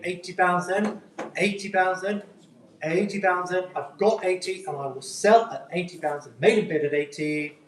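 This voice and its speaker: Male auctioneer, slightly high voice, live bid calling, repetitive polite number patter, echoey room. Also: far from the mic. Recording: echoey room, picked up from afar.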